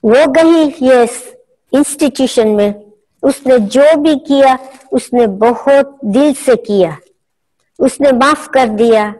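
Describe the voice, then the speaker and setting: A middle-aged woman doctor giving a spiritual health talk over a video call, calmly telling case stories and acting out the quoted lines. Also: sits high, slow, poor audio. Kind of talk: slow storytelling talk.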